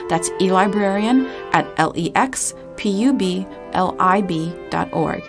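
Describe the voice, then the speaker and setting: A woman from the library staff reading the podcast's closing credits in a friendly, clear announcing manner. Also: mid-range voice, expressive, unhurried. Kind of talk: scripted podcast outro. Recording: voice over music.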